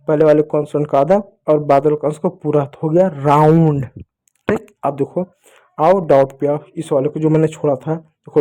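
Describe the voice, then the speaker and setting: Man, teacher, mellow slightly high voice, patient, spells words letter by letter, call-and-response lesson. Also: poor audio. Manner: patient, repeating questions and answers in a call-and-response way. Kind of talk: Hindi phonics lesson for children.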